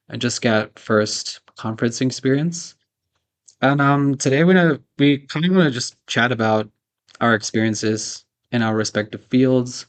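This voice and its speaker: A young man hosting a casual conversation, asking questions in a relaxed way with frequent fillers. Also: mid-range voice, smooth. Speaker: host, interviewer.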